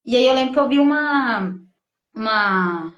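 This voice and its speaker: A woman from gives an emotional personal testimony, halting and full of restarts as she quotes her own thoughts. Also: fairly high pitch, expressive, a bit bright, highs cut off. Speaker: testimony guest. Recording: echoey room.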